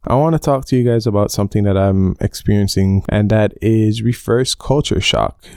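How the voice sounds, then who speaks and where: A man in his twenties hosts a rambling solo podcast from under a blanket in his bedroom. His voice is smooth and dry, with no room sound at all. He is hot and sweating under the cover. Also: on the low side, normal speed, a little mellow, dry recording. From Belize. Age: 20s. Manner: rambling, chatty, self-aware about going off topic. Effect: recorded under a blanket. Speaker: podcast host. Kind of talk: casual solo podcast chat. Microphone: home podcast mic under a blanket.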